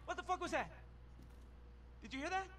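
A man's voice: a little high, very animated, a little fast, bright, forceful tone, a little hiss or hum. An actor playing a cocky, irritable male ghost-hunting TV host in a video game, sarcastic and complaining. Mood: agitated. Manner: sarcastic, self-important, complaining. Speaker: TV show host. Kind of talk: naturalistic video game acting.

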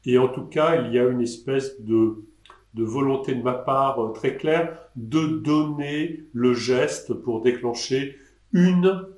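Seated at a desk indoors, an older man answers questions in a live online Q&A, speaking slowly at an ordinary pitch with a darkish tone. His delivery is hesitant and rambling with many restarts, and his webcam picks up a roomy echo.

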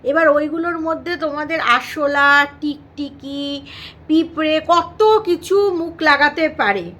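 A woman's voice: high voice, measured pace, sharp tone. A Bengali woman vlogger chatting casually and teasingly about another creator's videos, full of fillers and playful asides. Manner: gossipy and teasing, many fillers, slips into mock Hindi.

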